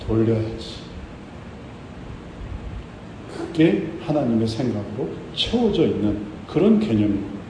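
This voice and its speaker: Animated Korean preacher in an echoey room. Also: male voice, medium pitch, slight background noise. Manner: animated preaching, acting out quoted voices, rhetorical questions. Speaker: pastor. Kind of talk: sermon.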